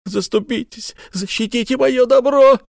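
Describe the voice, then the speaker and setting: A man voicing a greedy old male moneylender who wails and fawns in a shrill voice, as an audiobook character. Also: normal speed, gravelly, dry recording, clean studio sound. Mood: wailing. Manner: wailing, whining, fawning.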